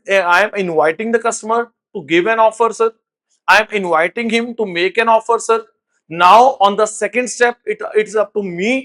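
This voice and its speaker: High-voiced Indian man teaching law. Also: a bit bright. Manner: mixes Hindi and English, tags lines with "sir", asks checking questions. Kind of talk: recorded lecture.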